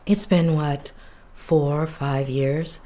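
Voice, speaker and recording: An actress playing a weary, guarded waitress and cleaner in a video game, hesitant, working the counter as a fast food cashier. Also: female voice, deep voice, steady tone, warm tone.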